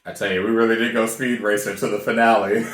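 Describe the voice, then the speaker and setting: A man giving casual, excitable reaction commentary on an anime, joking and slangy. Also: fairly low pitch, normal speed. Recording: echoey room.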